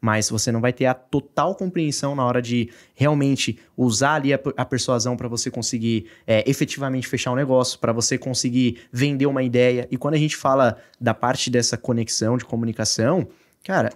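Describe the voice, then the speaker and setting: A man's voice: medium pitch, steady tone, a little fast. A man hosting a podcast, affirming his guests and offering everyday examples in casual chat. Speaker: podcast host.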